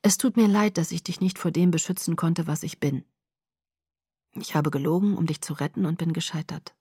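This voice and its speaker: A woman voicing a brooding, remorseful young male vampire in an audiobook, speaking softly and often in a whisper. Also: lowish voice, fairly even intonation, moderate pace, breathy edge, no room sound, clean studio sound. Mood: apologetic. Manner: soft, often whispered, pleading. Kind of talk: audiobook reading.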